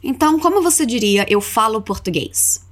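A woman with a lively, high-ish voice gives an English lesson for Portuguese speakers. Her explanations run quickly, while her model phrases come slow and stretched out for learners to repeat. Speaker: English teacher.

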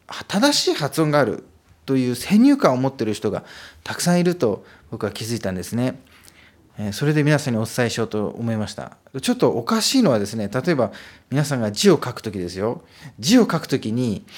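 A man's voice: mid-range voice, a little mellow. A man hosting a casual solo podcast about learning Chinese, talking in a friendly, explanatory way with many fillers. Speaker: podcast host teaching Chinese.

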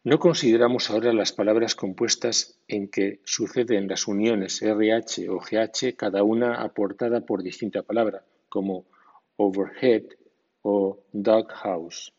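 A man teaching English pronunciation in a scripted lesson, spelling out letters and reading word lists slowly and deliberately. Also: fairly low pitch, fairly even intonation, a little mellow, breathy edge. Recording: dull lo-fi recording.

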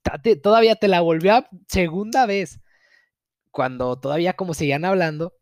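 Expressive Mexican man, slightly high voice. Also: normal speed, no room sound, clean studio sound. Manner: expressive, profane, mock-outraged, often laughing. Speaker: storyteller reading a viewer's story. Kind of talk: casual storytelling with commentary.

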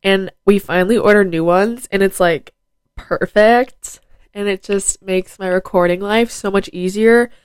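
A teen girl, fifteen, chats loosely with many fillers on her own podcast, made at home with a mic plugged into her phone. Her smooth, mid-range voice is stuffed up and nasal from a cold, and there's no room sound.

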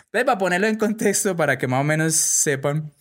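A man's voice: a little high, animated, brisk, fairly bright tone. A young adult Colombian man hosting a casual commentary monologue, chatty and full of tag questions. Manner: chatty, peppers speech with "pues" and "¿cierto?". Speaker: host.

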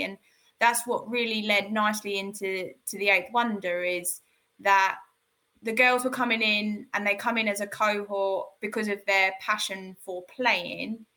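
Woman, football development guest; bright, energetic, enthusiastic delivery. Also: medium pitch, poor audio. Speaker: county football development officer. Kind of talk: radio interview answer.

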